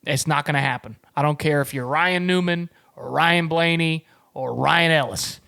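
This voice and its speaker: A man's voice: fairly high pitch, moderate pace, gravelly, sharp tone, smooth, no room sound, studio quality. A man giving a blunt, emphatic, profane sports rant as a podcast host.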